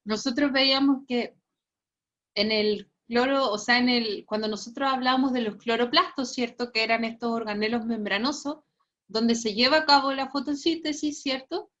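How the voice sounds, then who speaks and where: A woman's voice: fairly high pitch, moderate pace, fairly bright tone, muffled recording. A Chilean woman teaching a science class online, reviewing a quiz with a playful, teasing manner and frequent laughter. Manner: teasing, laughs often, explains patiently.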